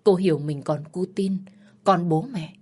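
Husky woman narrating a sad story. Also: fairly low pitch, unhurried, warm tone. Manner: somber, emotional storytelling.

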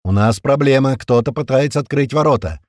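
Man doing a frantic yelling technician. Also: mid-range voice, brisk, no room sound, clean studio sound, voice pushed up, natural voice. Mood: panicked. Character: panicked male radio technician.

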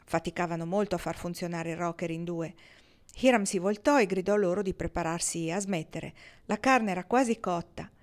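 A woman narrating a novel as an audiobook reader, measured and expressive. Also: lowish voice.

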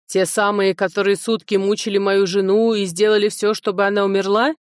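A woman voicing a gruff, commanding male dragon lord who barks orders in a slow, hoarse way. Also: medium pitch, level tone, no echo, clean studio sound, close to an everyday voice. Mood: furious.

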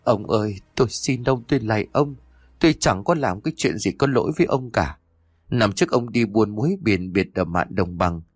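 A man's voice: lowish voice, moderate pace, slightly rough, no echo, clean studio sound. A man voicing a young wife who pleads tearfully with her jealous husband in a storybook horror tale. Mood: pleading.

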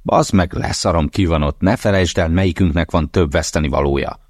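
A surly, hungover young man who answers in curt, mumbled bursts, as a man reads him. The voice sits very low and the sound is dry and close. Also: no room sound.

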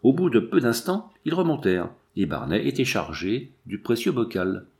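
A man reading an adventure novel aloud in a steady storytelling delivery. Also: medium pitch, moderate pace, vocal fry. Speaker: audiobook narrator. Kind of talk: scripted narration.

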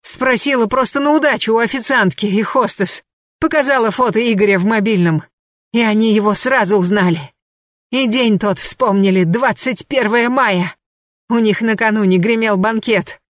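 A woman voicing a hysterical, jealous woman swinging a hoe, her lines frantic and shrill, in an audiobook. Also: normal speed, no echo, natural voice. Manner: frantic, shrill, hurled outbursts.

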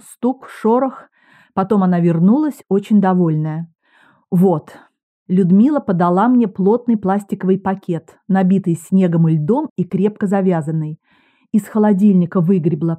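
A woman reading a detective novel aloud in the first person, with even, measured, wry storytelling. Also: medium pitch. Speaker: audiobook narrator.

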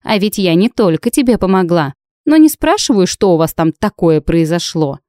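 A wry old witch who teases and mocks, as a woman reads her. The voice sits low and dark, and the recording is dry and close. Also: very animated, normal speed, no room sound. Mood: wry teasing.

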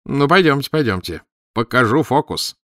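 A man's voice: medium pitch, expressive, moderate pace, fairly bright tone, no room sound, studio quality, voice pushed up, lightly acted. A man voicing a smug, self-satisfied male chief doctor who talks proudly. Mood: gloating. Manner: proud, gloating.

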